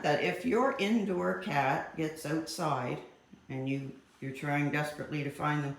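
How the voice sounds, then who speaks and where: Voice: mid-range voice, roomy sound. A cat vlogger chatting casually to camera at home, laughing often and talking to the cats.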